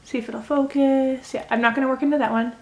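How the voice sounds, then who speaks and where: Chatty woman with a higher voice. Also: fairly even intonation, quick pace, darkish tone. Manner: chatty, talks through each step. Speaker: crochet video host. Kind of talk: casual crochet tutorial.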